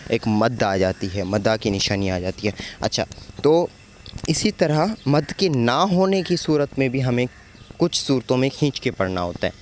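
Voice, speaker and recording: A man's voice: mid-range voice, very animated, slight background noise. A man teaching a lecture on Arabic grammar terms, often asking a question and answering it himself while he repeats the key words. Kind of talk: explanatory lecture.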